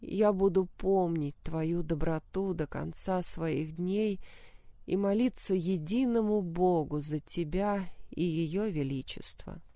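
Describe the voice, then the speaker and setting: A woman voicing a tortured, dying young woman beggar with a hoarse, weak, quiet voice. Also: fairly low pitch, takes it slowly, no echo. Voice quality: hoarse, croaking.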